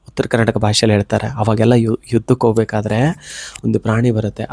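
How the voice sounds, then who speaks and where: A man with a fever, giving an earnest devotional pep talk straight to the viewer, pleading and gently coaxing. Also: fairly low pitch. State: unwell with a fever. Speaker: devotional motivational speaker. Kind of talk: direct heartfelt address to the viewer.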